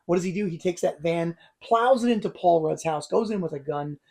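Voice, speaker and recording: Man, somewhat high and husky voice, co-host in a casual film chat; argumentative and incredulous. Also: brisk, a little mellow. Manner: argumentative, retells scenes in disbelief. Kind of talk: casual movie discussion.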